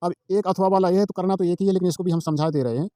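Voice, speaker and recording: Fast-talking male exam tutor. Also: high-pitched, steady tone, mellow, dry recording, clean studio sound. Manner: repetitive, asks and answers his own questions; walks through a page, pointing at lines. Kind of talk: informal exam-prep tutorial.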